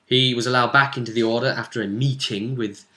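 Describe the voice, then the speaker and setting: The game master's mid-range voice is steady and sharp, and he talks fairly quickly. His recap of the tabletop roleplay session is casual and story-driven, with brief acted-out quotes from characters.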